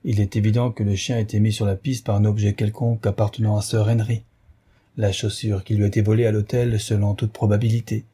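A man reading an audiobook aloud, voicing a cool, assured male detective with measured, confident pronouncements. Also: lowish voice, level tone, warm tone, husky. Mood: tense.

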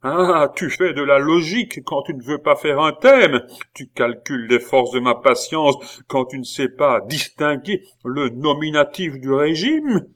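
A man voicing an irate elderly male priest and schoolmaster who scolds loudly. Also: medium pitch, lively intonation, slow pace, voice pushed up. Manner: scolding, shouting, Latin tags.

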